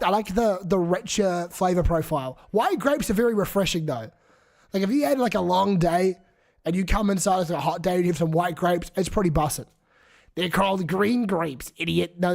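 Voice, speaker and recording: A sick young man with a New Zealand accent rambles and swears casually on a live stream, reading the chat out loud. His voice is high-pitched with vocal fry.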